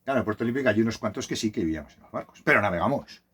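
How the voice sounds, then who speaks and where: A man's voice: on the low side, animated, very fast, fairly bright tone, husky. A man who lives on a sailboat tells a casual, rambling story with many restarts, recorded on a phone. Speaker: vlogger living on a sailboat. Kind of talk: casual monologue.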